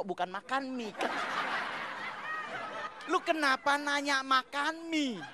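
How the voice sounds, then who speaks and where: A man doing stand-up on a TV studio stage into a handheld mic, talking loud and animated in slangy street speech. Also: extremely high pitch, background noise. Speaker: stand-up comedian. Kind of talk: stand-up comedy set. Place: TV studio stage with live audience. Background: audience laughter.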